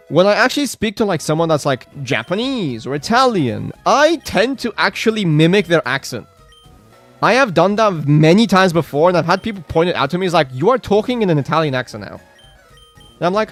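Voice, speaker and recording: A man's voice: fairly high pitch, very animated, fairly quick, fairly bright tone, faint music behind. A man chatting casually on a live game stream, rambling with lots of filler words and reacting to chat.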